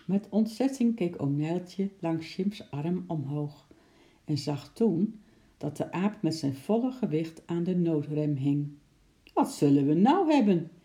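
A woman reading a children's story aloud with calm, expressive narration. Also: low voice, takes it slowly.

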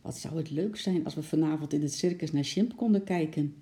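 A storybook reader voicing a kind, helpful uncle who speaks reassuringly, in a gravelly voice. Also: mid-range voice, a little fast, mellow, close to an everyday voice.

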